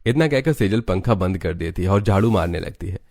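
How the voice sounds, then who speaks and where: A man narrating a family cartoon story in a scripted, even storytelling style. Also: low voice, brisk.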